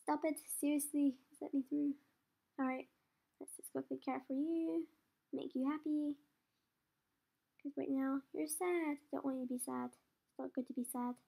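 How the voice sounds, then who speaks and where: A young woman with a cold and a croaky voice plays a game as host of her channel, chatting casually, poking fun at herself, and sometimes dropping to a whisper. Her voice sits high and mellow, with fairly even intonation, a moderate pace, and frequent pauses.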